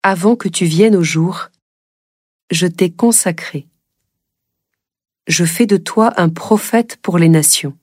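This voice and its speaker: A woman reading a scripture passage aloud in a slow, deliberate way. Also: fairly low pitch, a little mellow, no room sound, clean studio sound. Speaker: scripture reader.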